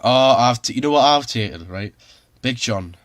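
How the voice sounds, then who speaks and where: Geordie wrestler in casual chat, earnest and rambling, mid voice, dry close sound. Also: male voice, medium pitch, expressive, moderate pace, no room sound. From Newcastle upon Tyne, England. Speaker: semi-pro wrestler guest.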